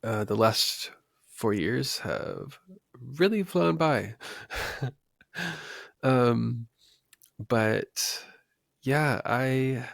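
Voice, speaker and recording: Gravelly-voiced young man chatting casually. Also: medium pitch, animated, very slow, long pauses, no room sound, studio quality. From West Texas, USA. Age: 20s. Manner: rambling, chatty, with frequent ums and small laughs. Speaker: podcast host. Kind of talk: casual unscripted podcast talk.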